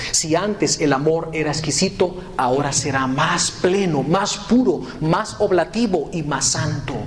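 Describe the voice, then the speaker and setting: A man preaching a sermon in Spanish, emphatic and repetitive, building to fervent peaks and dropping to hushed moments. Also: a little high. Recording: echoey room with faint ambient noise.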